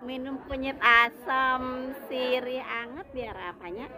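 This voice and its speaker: A woman's voice: high-pitched, fairly even intonation, slow pace, over music. A woman with a Javanese accent chatting casually in a food vlog, in a teasing, questioning way. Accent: Javanese-influenced Indonesian. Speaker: mukbang vlogger. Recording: noisy, crowded public eatery with loud background. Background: loud crowd and street noise.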